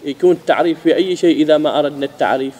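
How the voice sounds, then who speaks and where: A man teaching a grammar lesson, asking his students questions and repeating key phrases slowly. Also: a little high, a little mellow.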